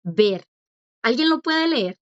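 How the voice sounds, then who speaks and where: A woman's voice: on the high side, lively intonation, slow, a bit bright, no echo. A woman teaching a language class, patient and encouraging as she quizzes students and praises their answers. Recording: dull lo-fi dry audio.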